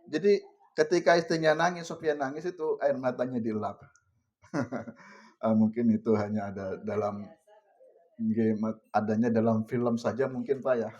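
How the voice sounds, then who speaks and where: Man, mid pitch, casual religious lecture, talks to audience, dull lo-fi recording. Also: fairly even intonation, moderate pace, a little mellow. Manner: chatty, addresses audience directly, laughs often, mixes Javanese words. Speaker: religious teacher. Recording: muffled lo-fi recording.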